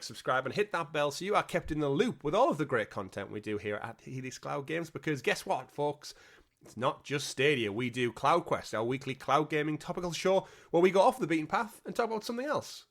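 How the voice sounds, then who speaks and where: A man hosting a gaming podcast with energetic, jokey patter, a bit congested from a cold. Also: a little high. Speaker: podcast host. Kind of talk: upbeat podcast presenting.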